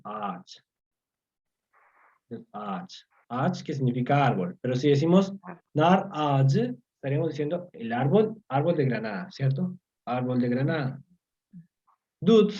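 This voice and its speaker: A man's voice: on the high side, mellow, highs cut off. A man tutoring a class online, patiently explaining, repeating key words and often checking that students follow. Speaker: language teacher.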